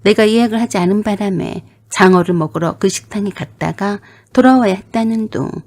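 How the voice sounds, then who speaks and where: Woman, scripted story narration, mellow dark tone, steady plain delivery. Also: mid-range voice, a little fast.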